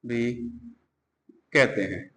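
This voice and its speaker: A man's voice: medium pitch, drawn-out words, fairly bright tone, long reverb tail. A man teaching Hindi grammar for exam preparation, repeating sounds aloud and asking students questions. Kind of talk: exam-prep classroom lesson.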